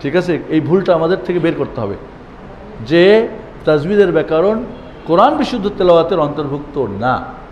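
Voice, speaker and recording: A man teaching a Quran lesson, chanting the Arabic letter names loudly for his listeners to repeat. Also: on the high side, expressive, normal speed, long pauses, dull audio, a little hiss or hum. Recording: echoey hall with faint ambience.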